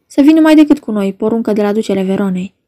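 A woman reading the part of a townsman loudly demanding where the killer went. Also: medium pitch, lively intonation, lightly acted. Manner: shouting, demanding. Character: townsman, loud, accusing. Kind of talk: dramatic reading of a play.

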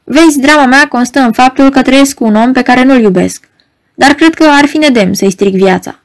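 A proud, troubled married woman , read by a woman narrator, urgent and pleading in a raised, fairly high voice. Her lines come across agitated and insistent in an audiobook scene. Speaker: audiobook reader.

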